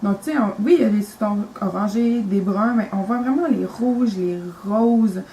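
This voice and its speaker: A woman's voice: medium pitch, moderate pace, dark tone, slight background noise, poor audio. A young woman with a Quebec French accent, talking casually and enthusiastically about her makeup, rambling with lots of fillers. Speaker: beauty vlogger.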